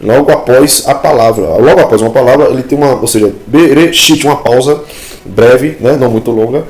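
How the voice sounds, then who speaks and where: A man's voice: mid-range voice, fairly quick, a little mellow. A man giving a lesson on Biblical Hebrew grammar. He explains step by step, checks in with listeners often and points at text on screen. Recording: echoey room, faint music behind.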